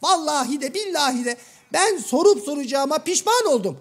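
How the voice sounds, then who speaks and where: Brief: a prim, fussy shadow-play gentleman in a very high, thin voice, formal and exasperated. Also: animated, fairly quick. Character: Hacivat, prim exasperated educated gentleman, male. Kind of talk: comic shadow-play sketch.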